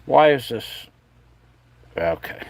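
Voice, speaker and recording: A man's voice: mid-range voice, lively intonation, slow pace, vocal fry, noisy background. A man from the New York and New Jersey area hosting a livestream, chatting in a meandering way, spelling words out letter by letter and talking while he adjusts his camera. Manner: talks while fiddling with his camera setup. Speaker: livestream host. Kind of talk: rambling livestream chat.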